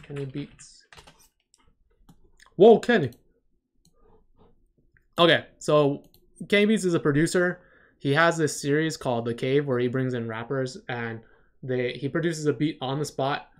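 A man's voice: mid-range voice, moderate pace. A man giving a casual livestream critique of storyboards, talking in an enthusiastic, rambling way full of "like". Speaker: storyboard artist reviewing viewer work.

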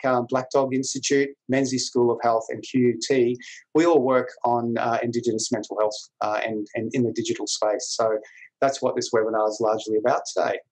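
Aussie bloke, middle aged, mid-pitched voice, introducing a webinar on a video call, pretty informal wording. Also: male voice, poor audio. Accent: Australian. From New South Wales, Australia. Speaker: webinar moderator. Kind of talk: webinar introduction, semi-formal presenting. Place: small indoor office room. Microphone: video call computer microphone.

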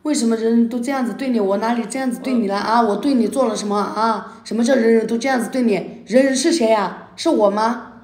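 Brief: woman, higher voice, indignant scolding rant on a livestream, echoey room. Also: fast, a little mellow. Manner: indignant, scolding, repeats herself. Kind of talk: heated argument on a livestream. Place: indoor room at night.

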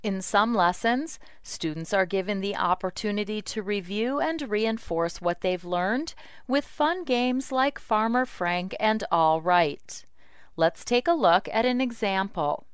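A woman narrates an educational software demo from a script. Her voice is smooth and clean, of medium pitch, recorded very dry. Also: a little slow, no echo.

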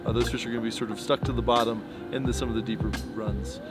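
A man in his thirties gives a loose, unscripted report to camera, filling gaps with ums and you-knows. His voice sits at a middling pitch for a man. Music plays clearly underneath him. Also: fast. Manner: relaxed, rambling, many fillers and restarts. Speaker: fly shop owner giving a fishing report. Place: outdoors by pickup trucks in snow. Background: music bed under the talk.

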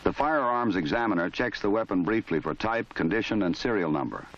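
A low-voiced American man reads an instructional film script in a formal, measured, authoritative and matter-of-fact way, yet sounds animated with a fairly bright tone. The audio is dull and lo-fi, like a 1970s film soundtrack.

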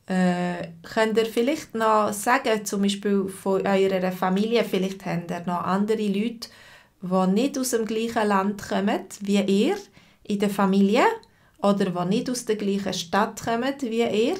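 Slow patient Swiss woman teaching. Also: medium pitch. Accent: Swiss German. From Switzerland. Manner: slow, patient, repeats phrases and answers chat viewers by name. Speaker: language teacher. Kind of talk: live-stream language lesson.

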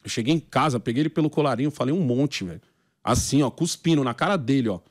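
A man's voice: mid-range voice, expressive, fast, no echo, studio quality. A man from Brazil, a podcast guest, telling slangy stories in casual chat and acting out the voices of people he quotes.

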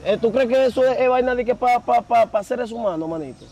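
A young man, telling his story as an interview guest in slangy, animated casual talk. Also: very high voice, fairly quick. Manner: animated, slangy, repeats filler words.

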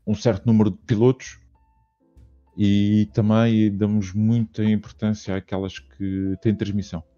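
A Portuguese man chatting on a video call, his voice very dark and flat as he gropes for words through fillers and restarts. The call audio sounds muffled and lo-fi. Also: fairly low pitch, a little slow, faint music behind. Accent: European Portuguese. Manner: hesitant, many fillers and restarts. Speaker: podcast guest. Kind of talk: casual chat.

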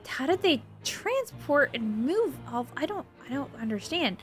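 High, bubbly woman gaming host. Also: a little slow, faint music behind. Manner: excitable, gushing, laughs often. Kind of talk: casual gameplay chat.

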